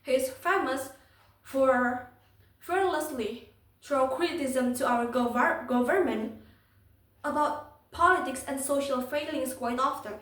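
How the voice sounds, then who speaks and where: A young woman with an Indonesian accent giving a prepared competition speech in a stiff, memorized, deliberately emphatic manner. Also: high-pitched, fairly bright tone. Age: young adult. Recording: echoey room, distant microphone.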